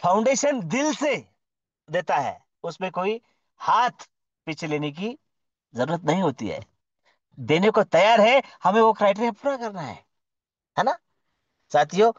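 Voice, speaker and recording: A fairly high-voiced man gives a motivational address, formal and effusive, heaping praise and asking rhetorical questions. The sound is dull and lo-fi, and it is dry, with no room echo. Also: big pitch swings, a little slow, long pauses. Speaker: speaker at an online business community meeting.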